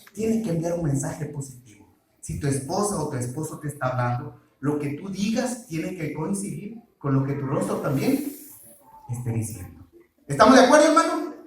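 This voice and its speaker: A man's voice: fairly high pitch, very animated, normal speed. A man preaching a sermon on marriage, quizzing the congregation with call-and-response questions. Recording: very echoey hall, mic far off.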